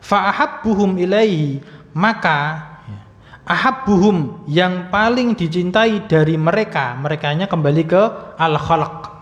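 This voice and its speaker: A man's voice: high voice, unhurried. Man, Arabic grammar lesson, patient explaining, fillers, dull lo-fi sound, long reverb. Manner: explanatory, frequent fillers, light humor. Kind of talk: religious study lesson. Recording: muffled recording with long hall reverb.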